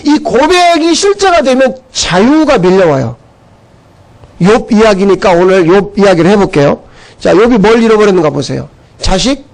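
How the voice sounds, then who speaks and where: A man's voice: sits high, vocal fry, darkish tone, rough recording. A man pastor preaching a sermon, emphatic and full of rhetorical questions, telling stories to make his point.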